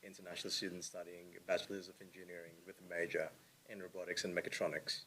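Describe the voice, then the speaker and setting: A man's voice: low voice, little pitch movement, quick pace, a bit bright, slight background noise. A young man, a student guest in a casual roundtable chat, chatty and laughing easily. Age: young adult.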